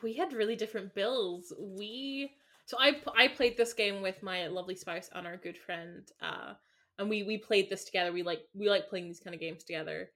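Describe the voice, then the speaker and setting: Bright-voiced woman guest, chatty. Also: medium pitch, normal speed. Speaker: podcast guest. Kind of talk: casual chat.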